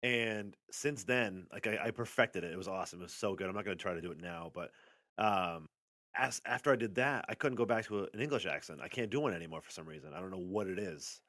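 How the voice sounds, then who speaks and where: Low-voiced man talking fast. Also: fairly bright tone, no room sound, studio quality. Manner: offhand, crude jokes. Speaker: podcast co-host. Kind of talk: casual comedic chat.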